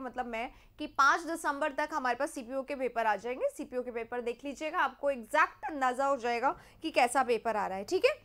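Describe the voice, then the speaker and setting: In a live online grammar lesson aimed at competitive exams, a young woman with an Indian English accent speaks in a high-pitched, slightly bright voice. She moves between Hindi and English, reads sentences slowly and tests her viewers with questions.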